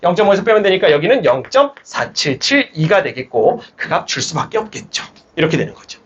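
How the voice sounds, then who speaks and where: Brief: young male math tutor, high and animated voice, muffled classroom recording. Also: a little fast, breathy edge. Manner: lively, coaxing, rallies students with shouts. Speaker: math academy teacher. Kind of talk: classroom lecture. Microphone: speaker amplified mic.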